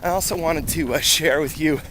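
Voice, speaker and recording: Over loud street and open-air noise, a middle-aged American man chats in a slightly high-pitched voice. He rambles conversationally, as in a casual vlog recorded out on a run. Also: normal speed. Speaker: running vlogger. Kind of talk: casual vlog talk while out running. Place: outdoors on town and semi-rural streets. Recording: loud outdoor ambience and traffic noise. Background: loud road and outdoor noise.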